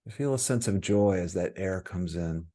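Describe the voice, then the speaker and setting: This guided meditation comes from a man with a low voice who teaches in a calm, soothing way. Pauses fall frequently between his instructions.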